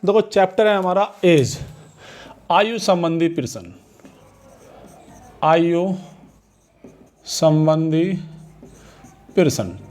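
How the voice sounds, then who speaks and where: A man's voice: on the high side, drawn-out words, pauses often, darkish tone. A man teaching an exam-prep math lesson, often asking the class a question and then answering it himself. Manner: repeats questions back to the students; checks understanding with "ठीक है" and "समझ में आया".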